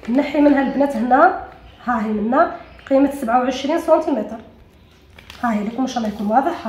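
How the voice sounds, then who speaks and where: A woman with an Algerian Arabic accent teaching a sewing tutorial, talking quickly to viewers and often correcting herself. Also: sits high, a little mellow, reverberant, a little hiss or hum. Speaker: sewing instructor. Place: room at a cutting table.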